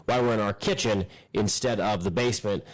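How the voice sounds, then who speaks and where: A man in his thirties co-hosting a casual home podcast at a kitchen table, talking in an animated, rambling way with many restarts. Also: lowish voice, a little fast, poor audio. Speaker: podcast co-host. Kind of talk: casual chat.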